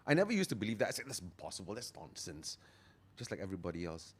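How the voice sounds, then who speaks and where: Lively, emphatic man. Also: low voice, husky. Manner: earnest, emphatic, slows down to stress key phrases. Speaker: guest. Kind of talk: motivational interview talk.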